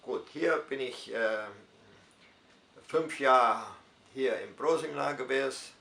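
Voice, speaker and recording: An older man from southern Brazil, a retired pastor being interviewed, tells his life story in Hunsrückisch German. His gravelly, mid-range voice is bright and forceful, and the recording is reverberant. He narrates unhurriedly, using dialect forms and hesitating along the way.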